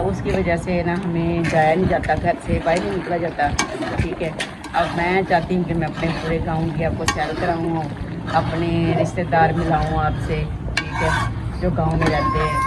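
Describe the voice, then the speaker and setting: A middle-aged woman with a Pakistani Punjabi accent, chatting to viewers while cooking in a village kitchen. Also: fairly low pitch. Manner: chatty, addresses viewers directly, frequent fillers. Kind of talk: casual cooking demonstration. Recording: loud outdoor noise with passing vehicles.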